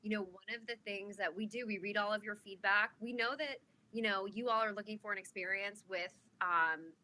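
Bright, forceful woman over background noise. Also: medium pitch, brisk, poor audio. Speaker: morning show co-host. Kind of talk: casual motivational chat. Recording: clearly audible background noise.

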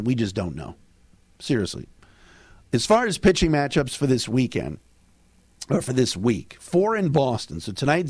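A man hosts a sports podcast with a hoarse voice that sounds close to giving out. He talks baseball casually, in punchy, colloquial bursts, and the sound is dry and free of room echo. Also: medium pitch, darkish tone. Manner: colloquial, punchy short sentences. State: hoarse, losing his voice.

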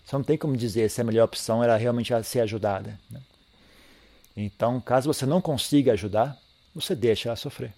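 A man gives a calm, reflective Buddhist teaching, often pausing to repeat himself and ending phrases with a questioning tag. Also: mid-range voice, creaky. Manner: calm, reflective, tags sentences with "né?"; repeats and restarts phrases while thinking. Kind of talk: dharma talk.

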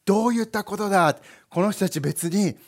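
A young man preaching a lively sermon, playful and animated, with sound effects and asides to the congregation. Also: high voice, moderate pace, gravelly. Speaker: pastor.

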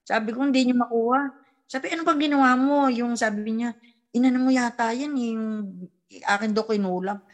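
A woman's voice: fairly high pitch, fairly quick. A middle-aged woman, a mother and folk healer, chatting casually with her family and acting out the people she quotes. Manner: animated storyteller who acts out quoted dialogue.

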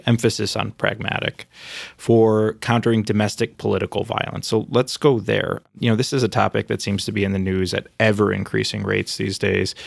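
A male podcast host with a low, very gravelly voice asks questions in a flat, even delivery. His conversational talk is recorded dry and close. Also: no echo. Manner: conversational, uses fillers.

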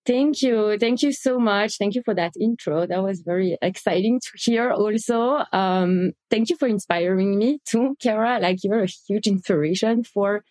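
A woman's voice: medium pitch, moderate pace, hardly any pauses, a little mellow, no room sound. A woman from Belgium, a company CEO guest speaking eagerly in a casual interview, often repeating words as she thinks.

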